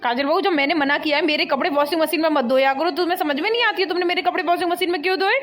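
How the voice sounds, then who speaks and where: High-voiced cranky old saas, always scolding, cartoon comedy. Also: female voice, very fast, a bit bright, faint music behind. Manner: scolding, complaining. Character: nagging elderly mother-in-law, easily offended. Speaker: mother-in-law.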